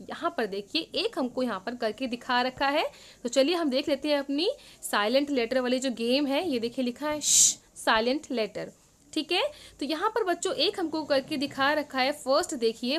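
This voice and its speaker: A woman teaching a worksheet lesson to young children, explaining in Hindi and reading English lines slowly. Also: high-pitched.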